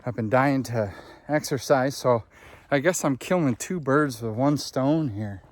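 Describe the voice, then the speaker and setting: A young male vlogger with a mid-range voice speaks at a measured pace, with a little hiss or hum in the recording. Filming himself walking up a hilly rural road, he's winded and chats casually, calling viewers friends and dudes.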